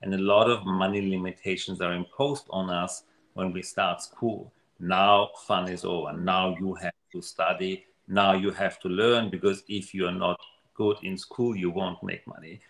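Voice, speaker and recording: A man giving an earnest, animated motivational talk in a casual conversation. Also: low-pitched, moderate pace, reverberant. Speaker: guest speaker on money mindset.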